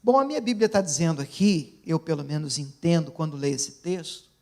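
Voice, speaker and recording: A man from Brazil, a pastor preaching a sermon, who swings between soft asides and loud emphatic lines and acts out the church members he quotes. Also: a little high, lively intonation, a little fast.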